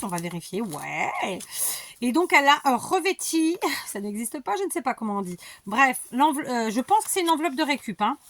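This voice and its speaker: A woman's voice: sits high, a bit bright. A middle-aged woman hosting a casual scrapbooking show-and-tell from her craft desk, gushing with enthusiasm and poking fun at herself. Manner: enthusiastic, gushing, self-mocking. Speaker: scrapbooking channel host.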